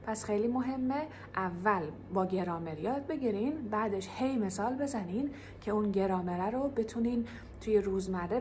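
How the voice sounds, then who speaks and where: A woman English teacher in a casual video lesson. She rattles off explanations quickly, then slows right down to repeat each example phrase for pronunciation practice. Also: mid-range voice, a little hiss or hum.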